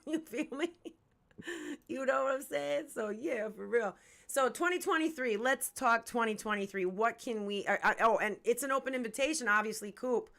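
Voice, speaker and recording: Hosting a music review livestream, this forties-aged woman runs a relaxed hip-hop interview where she's talkative, frank, slangy and quick to swear. She speaks at a normal speed in a slightly high, fairly bright voice with vocal fry.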